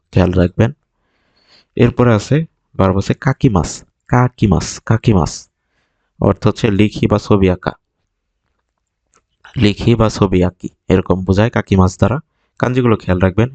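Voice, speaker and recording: A male language teacher whose first language is Bengali patiently explains vocabulary in a lesson, repeating each word to drill it in. His voice is lowish and dark, recorded dry.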